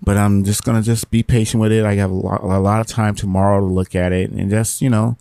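A man's voice: lowish voice, flat delivery, fast talker, vocal fry, dark tone, clear, resonant tone, no echo. A middle-aged man hosting a podcast, giving rambling, encouraging motivational talk and repeating his phrases. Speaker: podcast host.

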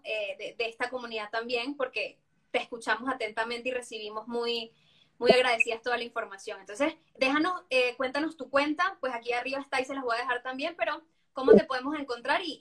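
A woman hosting an interview, speaking earnestly and sharing her own experience in casual conversation. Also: a little high. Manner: earnest, personal, thanks the guest warmly. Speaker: host.

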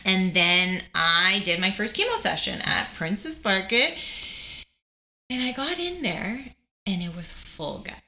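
A woman's voice: mid-range voice, a little slow. A young woman telling a personal story in casual chat, acting out the voices of people she quotes. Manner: animated, acts out quoted voices. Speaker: guest sharing her cancer story.

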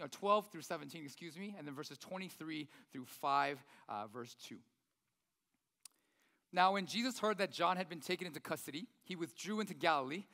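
A pastor preaching in a big echoing hall, his voice a touch higher than most men's. He talks in a loose, conversational way, corrects himself mid-sentence and keeps checking in with "right?" The hall's long reverb hangs on every phrase. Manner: chatty, self-correcting, often adds "right?". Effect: big hall echo. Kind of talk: conversational sermon with scripture reading. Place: church hall. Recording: loud voice in an echoey hall.

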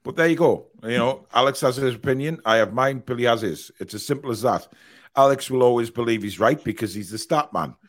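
Hoarse, raspy man hosting a football debate. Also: mid-range voice, fairly quick. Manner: raising the voice to get sound out. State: hoarse, strained voice from a worn-out throat. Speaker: host of a football fan debate show. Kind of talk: live panel debate.

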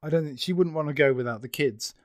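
A man's voice: a little high, fast talker, no echo, studio quality. A middle-aged man hosting a casual conversational interview. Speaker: interview host.

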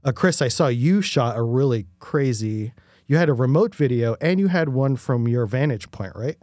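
A man's voice: medium pitch, animated, normal speed, a little mellow, no echo. An upbeat man co-hosts a casual space news show. He sounds enthusiastic and easygoing, and his voice is recorded dry and close with almost no room sound. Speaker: podcast co-host.

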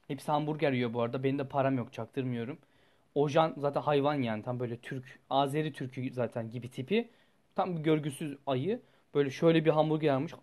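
A young man, a student, telling a personal story in a rambling, animated way and swearing freely. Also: a little high. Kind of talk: casual storytelling vlog.

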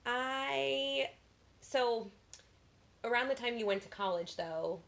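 A woman in her thirties co-hosting a podcast with a husky voice and dry, teasing humor. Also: a little high, expressive, takes it slowly, a bit bright. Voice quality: husky today. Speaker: podcast co-host. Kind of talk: casual chat.

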